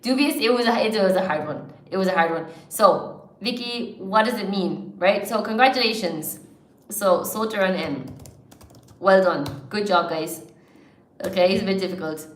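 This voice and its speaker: A woman from Ireland with only a faint Irish accent teaches English and runs a live word game, greeting viewers by name, laughing frequently, and keeping things chatty and encouraging. She speaks at medium pitch and a moderate pace in an echoey room.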